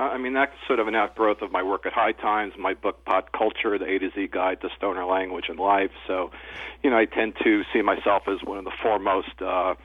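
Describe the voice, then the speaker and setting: A man comes through over the phone, his lowish voice squeezed thin by a tinny phone line. He is a guest on a radio show and chats in an easygoing way. He strings his points together in loose lists. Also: no room sound. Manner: easygoing, talks in loose lists with "you know". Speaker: guest, cannabis journalist and editor. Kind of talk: casual radio interview.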